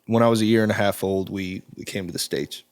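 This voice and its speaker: A man in his twenties, a musician guest, talking in a relaxed, halting way with frequent ums in a studio interview. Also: lowish voice. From Czech Republic. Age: 20s. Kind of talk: casual interview chat. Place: recording studio.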